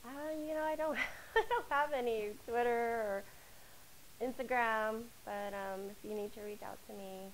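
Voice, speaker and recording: A woman sitting in on a casual talk show, throwing in dry, deadpan one-liners. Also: a little high, moderate pace, slight background noise, rough recording. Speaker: co-guest. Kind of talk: casual chat.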